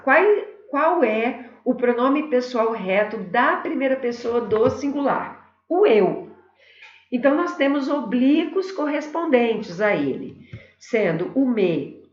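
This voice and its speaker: A middle-aged Brazilian woman teaching a grammar lesson, explaining step by step and speaking straight to her students. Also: a little high. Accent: Brazilian Portuguese. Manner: explanatory, addresses students directly. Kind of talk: recorded classroom lesson. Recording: echoey, dull lo-fi room recording.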